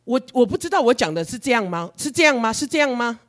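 A man preaching a sermon, telling his story in an animated, emotional way. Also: very high-pitched, quick pace.

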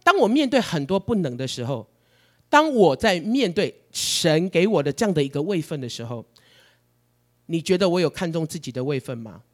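A man preaching a sermon, telling his story in an animated, emotional way. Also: a little high, moderate pace.

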